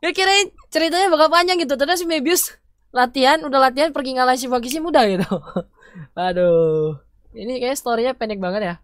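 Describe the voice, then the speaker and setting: A woman's voice: high voice, animated, fairly quick, no room sound. A woman giving casual gameplay commentary, chatty and joking with viewers. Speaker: gaming channel host. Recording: loud game music behind. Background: loud game music.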